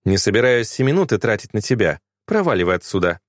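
A man's voice: lowish voice, very animated, fast talker, no room sound. A man voicing a bitter young man who speaks curtly and with contempt in an audiobook story. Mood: scornful. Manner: curt, contemptuous. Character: cold, bitter young man, harsh and scornful.

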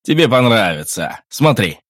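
A man voicing an enthusiastic adult male adventurer in an audiobook, loud and pleading. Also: medium pitch, big pitch swings, normal speed, dry recording, clean studio sound. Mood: eager. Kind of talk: audiobook reading.

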